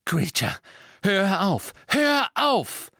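A man's voice: mid-range voice, animated, unhurried, no room sound. A man plays a determined teenage boy wizard in a storybook reading, insistent and pressing. His voice stays close and dry. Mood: urgent. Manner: insistent, urgent. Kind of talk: audiobook character voicing.

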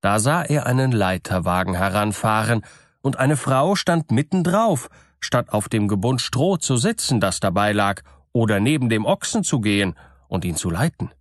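A man reading an old fairy tale aloud in a calm, measured storytelling manner. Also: lowish voice, dry recording, studio quality.

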